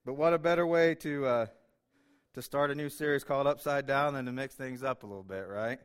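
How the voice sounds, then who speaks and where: A man preaching from the pulpit of a church, speaking with a smooth, clear voice at an ordinary pitch. He is openly emotional, jokes about himself, and fills his talk with uh and um. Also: fairly quick. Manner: emotional, self-deprecating, with many fillers. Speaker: pastor. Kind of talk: sermon. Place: church sanctuary.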